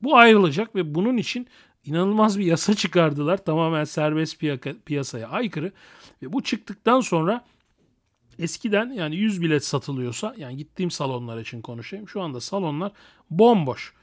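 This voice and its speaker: Male podcast host, slightly high-pitched voice, improvised monologue, cocky and crude humour with frequent chuckling. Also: animated, normal speed. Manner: crude, boastful, joking; chuckles often while talking. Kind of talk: unscripted solo podcast monologue.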